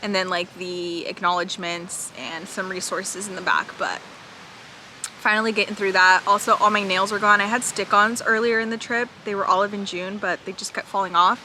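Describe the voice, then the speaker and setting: A woman's voice: mid-range voice, steady tone, moderate pace, pushed and bright, slight background noise, rough recording. A young woman chatting casually in a book vlog from a beach, rambling with lots of "like" fillers. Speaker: book vlogger. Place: outdoors at a beach.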